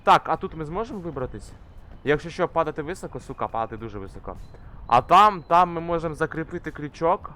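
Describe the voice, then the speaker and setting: A young man commenting casually on a climbing game he plays, swearing often and shouting when things go wrong. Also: on the high side, expressive, fast. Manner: swears constantly, shouts in frustration while climbing. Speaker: gamer. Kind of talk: casual let's-play commentary. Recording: faint game music behind.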